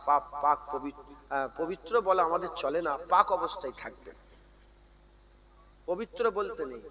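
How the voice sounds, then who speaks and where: A man delivers a sermon in a high voice. He moves from conversational teaching into loud, sung chanting. A crowd is audible around him. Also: poor audio. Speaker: preacher.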